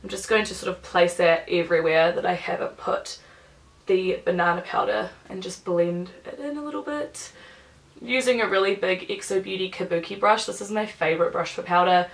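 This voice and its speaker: A woman's voice: on the low side, normal speed, rough recording. A young woman, nasal from a cold, chatting casually while she does her makeup for her vlog. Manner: chatty, rambling, self-deprecating asides. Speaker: beauty vlogger. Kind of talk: chatty get-ready-with-me vlog.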